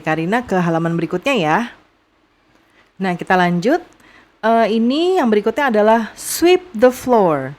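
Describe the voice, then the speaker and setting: A young woman with an Indonesian accent teaching vocabulary to young students, repeating each phrase slowly and patiently. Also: medium pitch. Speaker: English teacher.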